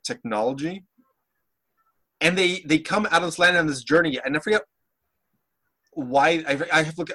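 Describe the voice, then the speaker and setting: A man with a bright, forward voice talks through a story in relaxed podcast chat. He hesitates often and restarts his sentences as he hunts for words. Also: a little high. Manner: hesitant, many fillers and restarts. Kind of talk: casual chat.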